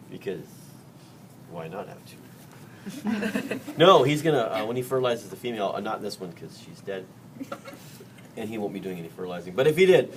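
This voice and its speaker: A man teaching a biology class during a dissection, joking and quizzing his students. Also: fairly low pitch. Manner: jokey, chatty, quizzes the class. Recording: distant mic in a noisy classroom.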